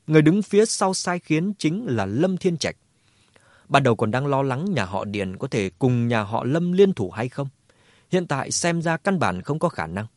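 A man narrating a novel in a steady audiobook reading. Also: mid-range voice, no room sound, studio quality. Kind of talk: scripted story narration.

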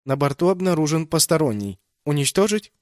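A man's voice: a little high, big pitch swings, fairly quick, darkish tone, no echo, studio quality, voice pushed up. A man voicing a terse, touchy female ship computer in an audiobook, with formal, clipped announcements. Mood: official. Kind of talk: audiobook character voice.

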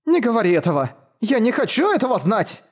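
A man's voice: very high voice, big pitch swings, fairly quick, husky, pitched above the performer's own voice, exaggerated voice. A man reading an audiobook voices a polite, ceremonious young noblewoman priestess who is easily thrown into panic. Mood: panicked.

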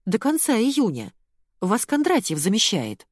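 A woman's voice: fairly high pitch, huge pitch swings, a little slow, husky, dry recording, clean studio sound, voice pushed up, full character voice. A woman voicing a timid, helpful young female secretary on the phone in an audiobook.

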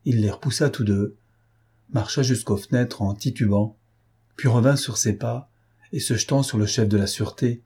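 A man reading a novel aloud in a measured, dramatic way. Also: medium pitch, warm tone, breathy edge. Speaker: audiobook reader. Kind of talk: scripted narration.

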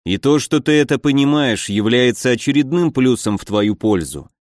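A man voicing a scheming, stern older boyar in an audiobook, with a low gruff voice. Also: lively intonation, normal speed, a little mellow, dry recording, studio quality, natural voice.

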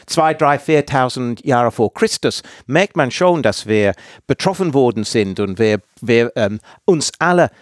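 A man's voice: mid-range voice, lively intonation, measured pace, dry recording, clean studio sound. A man from England with an English accent, a native English speaker, speaking as a guest researcher in a casual interview and searching for words as he goes.

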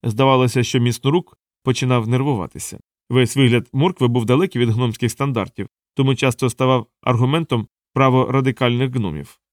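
A man reading an audiobook aloud in an even, measured narrating voice. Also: mid-range voice, dry recording, studio quality.

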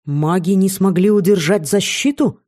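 A woman's voice: medium pitch, moderate pace, warm tone, natural voice. A woman voicing a curious young male elf with mild, questioning speech in an audiobook. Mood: serious. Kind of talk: audiobook character voice.

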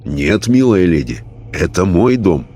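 A man voicing a calm, patient male rescuer of spirits who speaks gently. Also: deep voice, measured pace, no room sound, full character voice.

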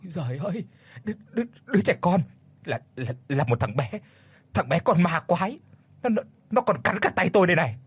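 A man's voice: high-pitched, very animated, fairly quick, slightly rough, no room sound, pitched above the performer's own voice, full character voice. A man voicing a terrified elderly village official who stammers in panic, in a ghost story. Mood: stammering panic.

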